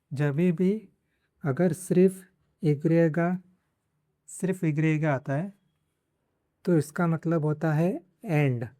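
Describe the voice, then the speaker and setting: Slow, deliberate Hindi-speaking language teacher. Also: male voice, a little high, warm tone, no echo, studio quality. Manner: slow, repeats example words several times. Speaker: Spanish teacher.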